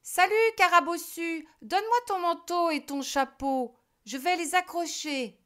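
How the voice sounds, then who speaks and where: A woman's voice: extremely high pitch, measured pace, pushed and bright, pitched above the performer's own voice, heavily acted. A woman voicing a friendly, helpful crow in a children's storybook reading, cheerful and obliging.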